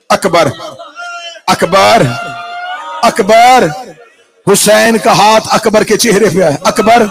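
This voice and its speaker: A man delivering an impassioned Muharram sermon to mourners, chanting and shouting in bursts and pleading with the crowd to stay calm. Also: high voice, vocal fry, noisy background. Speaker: preacher.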